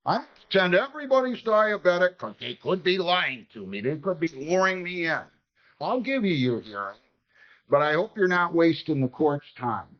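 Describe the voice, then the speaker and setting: A man's voice: on the high side, sing-song, moderate pace. Stern exasperated judge guy lecturing a lawyer in court, audio kinda muffled. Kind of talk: courtroom hearing.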